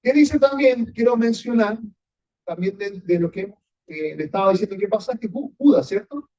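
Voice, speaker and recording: A pastor with a high-sitting, expressive, dark-toned voice teaches a Bible class at normal speed in a church meeting room. Emphatic, his pitch rising and falling sharply, he keeps putting questions to the congregation in sermon-style teaching. The recording is dull and lo-fi.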